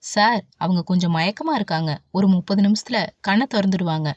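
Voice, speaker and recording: A businesslike doctor who gives instructions briskly, voiced by a woman narrator. The recording is dry and a little dull. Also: high voice, dry recording.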